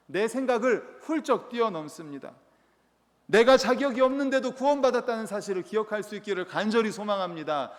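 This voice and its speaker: A male pastor giving an earnest sermon with rhetorical questions and light, humorous stories. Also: sits high. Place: church sanctuary. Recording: long church hall reverb.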